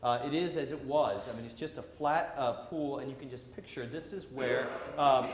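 A man, a priest, preaches a sermon into a pulpit microphone in a church, halting often with "uh" fillers. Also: medium pitch. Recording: echoey church sound with faint hum.

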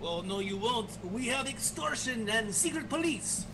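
A man's voice: extremely high pitch, expressive, moderate pace, background noise. A man voicing a goofy, menacing puppet boy. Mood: threatening. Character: sinister, mischievous Russian puppet boy bully. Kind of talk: puppet show parody.

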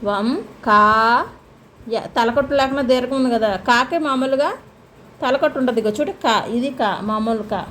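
A woman's voice: high voice, brisk, a little hiss or hum. A woman in her thirties, a home vlogger and mother, patiently coaxing her child through homework and chatting to viewers while she cooks. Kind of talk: casual home vlog chat. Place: home kitchen.

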